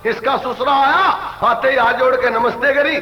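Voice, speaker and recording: High-voiced man telling village jokes. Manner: lively, voices the characters in quick dialogue. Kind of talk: rustic comic storytelling. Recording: echoey lo-fi cassette recording.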